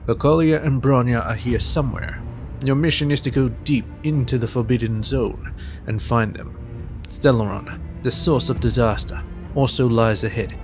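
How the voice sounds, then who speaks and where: A man's voice: medium pitch, moderate pace, a little mellow. An Australian man playing a video game, reading its text aloud and tossing in casual, muttered asides, with the game's music behind him. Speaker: gamer playing through a game.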